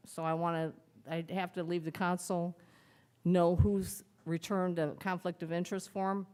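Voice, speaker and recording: A woman's voice: fairly low pitch, flat delivery, moderate pace, a little mellow, smooth. A woman who is clerk treasurer, giving her report at a council meeting in a chatty, hesitant way.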